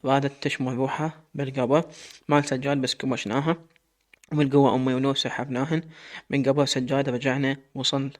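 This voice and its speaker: Man, Iraqi Arabic accent, rapid dramatic first-person storytelling, average pitch. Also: flat delivery. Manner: rapid, emotional retelling with quoted dialogue.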